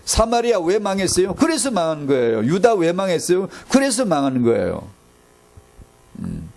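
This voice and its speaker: A man's voice: sits high, wildly swooping pitch, normal speed, darkish tone. A man preaching a sermon as pastor, firing off rhetorical questions, repeating himself for emphasis and bantering with the congregation.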